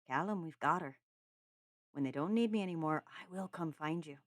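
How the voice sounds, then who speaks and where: A woman reading aloud and voicing a calm Englishwoman who gently but firmly sends a man away. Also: deep voice, normal speed, no room sound, lightly acted. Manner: soft, firm. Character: calm firm Englishwoman healer.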